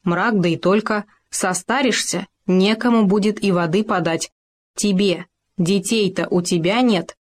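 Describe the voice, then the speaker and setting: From a storybook, a self-important little hamster lectures and scolds in a preachy, meddling way, as a woman puts him on. Her own voice stays at a middling pitch. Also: unhurried, close to an everyday voice. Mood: lecturing.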